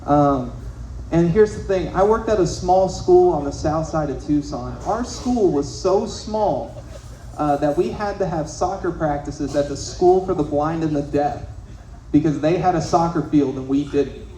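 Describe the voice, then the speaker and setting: A man's voice: fairly high pitch, measured pace, mellow, a little hiss or hum. A young man doing a loose, profane stand-up comedy set on a club stage. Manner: loose, profane, conversational storytelling. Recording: echoey club room, faint ambience.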